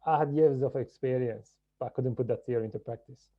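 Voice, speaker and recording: Man, podcast guest, measured and reflective, middle pitch, slightly dull lo-fi sound. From Hungary. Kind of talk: podcast interview.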